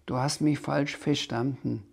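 A man voicing a small blue dragon who cannot pronounce R and talks slowly and puzzledly. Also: medium pitch, steady tone, vocal fry, darkish tone. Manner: slow, puzzled, swaps R for S.

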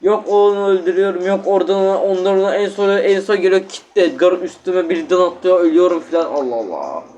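Excitable young man commentating a game. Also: sits high, quick pace, few pauses. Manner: excitable, exasperated, talks straight to viewers. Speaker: gaming channel host. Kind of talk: live gameplay commentary.

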